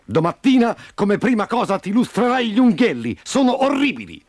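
A man voicing a bossy, strutting male rooster drill sergeant, barking shrill orders in a storybook reading. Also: sing-song, normal speed, warm tone, no echo, clean studio sound.

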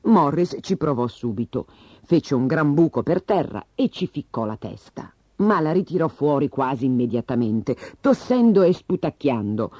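A man narrating a children's story in a lively, expressive way. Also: a little high, normal speed, slightly rough, no room sound. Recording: slightly dull recording with music behind.

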